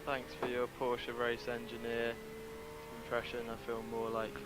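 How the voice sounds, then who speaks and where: Flat-toned racing driver over engine noise. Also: male voice, mid-range voice, measured pace. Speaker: sim racing driver on team voice chat. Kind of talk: brief driver radio feedback.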